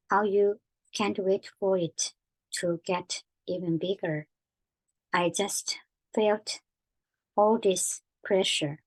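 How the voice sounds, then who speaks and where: An actress in her forties playing a loving, anxious mother who talks softly and haltingly, repeating her words. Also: lowish voice, low-quality recording. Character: tender, anxious mother of a teenage daughter. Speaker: mother in a family drama. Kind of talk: television drama acting.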